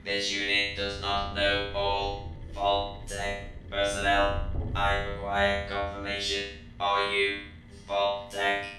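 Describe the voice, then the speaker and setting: A man voicing a stern male security robot that makes clipped, monotone announcements. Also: fairly low pitch, slow. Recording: echoey, with loud music behind.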